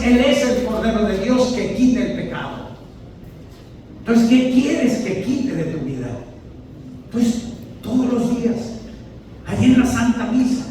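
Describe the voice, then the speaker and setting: High-voiced priest preaching in an echoey hall. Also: male voice, mellow. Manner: emphatic, questions the congregation, keeps saying "hermanos". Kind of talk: sermon to a prayer group. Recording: echoey hall, distant mic, faint background noise.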